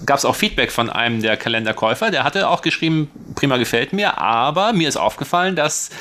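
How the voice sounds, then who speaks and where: A man from northwestern Germany who works as a journalist, co-hosting a casual radio chat and speaking in a relaxed, thoughtful way with frequent hesitations. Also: mid-range voice, brisk, slight background noise. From northwestern Lower Saxony, Germany.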